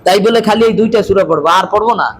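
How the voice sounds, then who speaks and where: High-voiced man teaching Quran recitation. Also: rapid-fire, low-quality recording. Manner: repeats checking questions to students, stresses letters aloud. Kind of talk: classroom recitation lesson.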